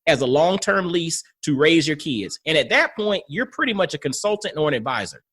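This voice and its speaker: A man hosting a podcast, with a somewhat high voice that rises and falls a lot. He sounds reflective and engaged, and he drops frequent murmurs of agreement. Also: big pitch swings, fairly quick, a bit bright, slightly rough. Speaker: podcast host. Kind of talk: casual conversation.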